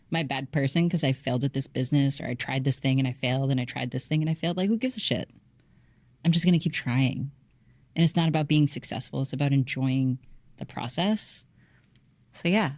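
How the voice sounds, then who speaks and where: Female podcast talker: low register, dry sound, casual, earnest, emphatic, sweary. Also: brisk, darkish tone, no echo. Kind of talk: casual chat.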